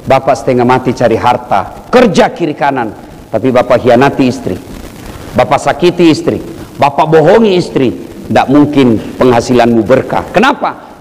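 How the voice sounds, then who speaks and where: A middle-aged man preaching to a live audience, telling animated jokes and jumping to a high pitch for punchlines. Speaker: Islamic preacher. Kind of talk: humorous sermon to an audience. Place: large hall with live audience. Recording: echoey hall with faint ambience.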